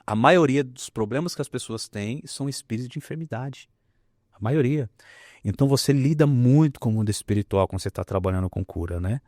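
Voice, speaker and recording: A man, a pastor telling a healing story in an animated, emphatic way. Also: medium pitch, fairly quick, no echo, studio quality. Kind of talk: testimony in a conversation.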